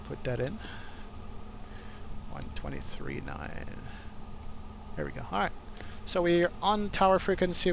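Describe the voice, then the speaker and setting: A man giving casual, think-aloud flight simulator commentary and making pilot radio calls. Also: medium pitch. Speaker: flight simulator streamer playing an airline pilot. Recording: clear cockpit noise behind voice. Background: aircraft cockpit ambience from the simulator.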